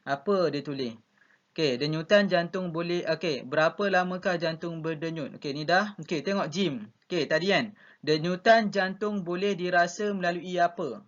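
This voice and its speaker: A man's voice: a little high, normal speed, lo-fi sound. A man with a Malaysian Malay accent teaching a primary class online, patiently repeating each instruction and dropping in "ha" and "okey" as fillers.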